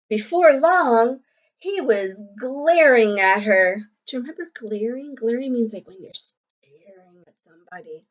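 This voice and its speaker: A woman teacher with a voice on the high side reads a picture book aloud to children, explaining things simply and checking in with questions. The audio is slightly dull.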